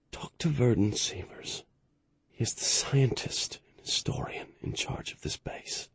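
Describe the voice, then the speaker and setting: A man reading an audiobook, voicing a gravely burned, dying old male fleet admiral in a weak, fading whisper. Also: on the low side, dark tone. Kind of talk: audiobook narration.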